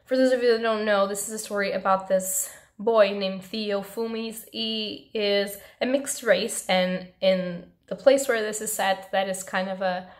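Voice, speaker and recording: A young woman with a hoarse, strained voice, chatting expressively to camera as she reviews books in a room at home. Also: medium pitch, fairly even intonation, a little slow, few pauses. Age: young adult. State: hoarse, losing her voice. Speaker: book reviewer and channel host. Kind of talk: casual chat to camera, book review.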